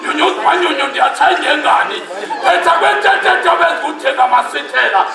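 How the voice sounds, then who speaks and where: A Xhosa man declaims praise poetry at a very high pitch, his voice gravelly and loud, often rising to shouts. He performs as a praise poet in a hugely echoing hall, far from the microphone, with an audience audible around him. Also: expressive, a little fast, a crowd in the background.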